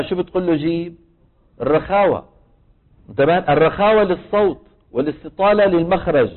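A man with a Levantine Arabic accent teaching a tajweed lesson on Quran recitation. He explains patiently and keeps asking the class questions that he then answers himself. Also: fairly high pitch. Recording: thin, phone-like recording.

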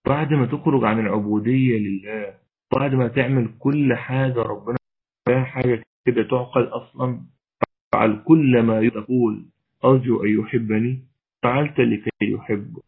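Heard through lo-fi, tinny phone-line audio, a male Egyptian preacher fields questions in a religious lesson, his husky voice strained as he forces a weak voice up. He keeps a mid-range pitch, fairly even intonation and normal speed, speaking earnestly and exhortingly in Egyptian-accented Arabic that mixes formal and colloquial registers.

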